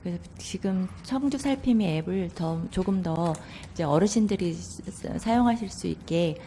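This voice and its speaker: A woman's voice: on the low side, normal speed, warm tone, slight background noise. A woman official giving careful, deferential formal answers at a council meeting. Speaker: government official answering questions.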